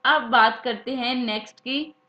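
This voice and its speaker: Woman grammar teacher, fairly high voice, repeats every point as a quiz, roomy dull recording. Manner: slow, repeats key words as questions to students. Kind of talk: Hindi grammar lesson. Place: classroom or study room, writing examples. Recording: echoey room, dull lo-fi sound.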